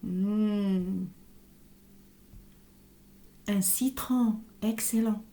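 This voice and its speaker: A woman teaching a reading lesson to young children, sounding out letters and syllables slowly and deliberately. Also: medium pitch, fairly even intonation, warm tone. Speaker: primary school teacher.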